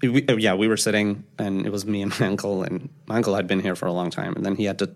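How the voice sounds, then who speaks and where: A man, a podcast guest who tells stories in a casual, animated way. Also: on the low side, fast talker. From Pakistan. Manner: animated storyteller, acts out quoted voices. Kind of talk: casual storytelling interview.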